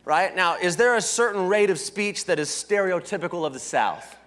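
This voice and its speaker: High-voiced energetic male seminar trainer. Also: moderate pace. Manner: energetic, keeps checking in with "right?"; asks the audience questions. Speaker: sales leadership trainer. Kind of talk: live motivational seminar talk. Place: conference hall, indoors.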